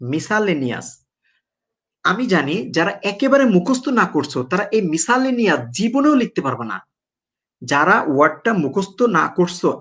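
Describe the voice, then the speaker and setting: Bangladeshi man teaching spelling, slightly high. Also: a bit bright. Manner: asks the class questions and answers them himself; spells words out slowly, syllable by syllable. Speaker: English teacher. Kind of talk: exam-prep lecture.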